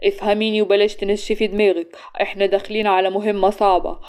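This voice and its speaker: A sly, domineering young man, as a woman storyteller puts him on, issuing orders in a mocking Egyptian drawl. The tone is dark and mellow, with quick, clipped delivery and a teasing edge in every line. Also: mid-range voice, little pitch movement, clean tone, natural voice. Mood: forceful. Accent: Egyptian Arabic.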